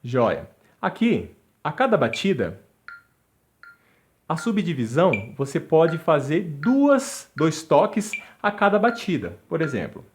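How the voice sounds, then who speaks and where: A man's voice: on the high side, wildly swooping pitch, takes it slowly, darkish tone. Man teaching rhythm over a metronome. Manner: counts beats aloud and chants syllables to a metronome. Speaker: music teacher. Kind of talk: instructional video lesson.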